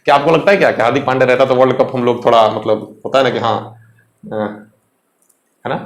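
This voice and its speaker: A man's voice: mid-range voice, fairly even intonation, fairly quick, reverberant. A young man with an Indian accent teaching English vocabulary for an exam, chatty and mixing Hindi with English, often asking his students questions. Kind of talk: exam lesson explaining vocabulary.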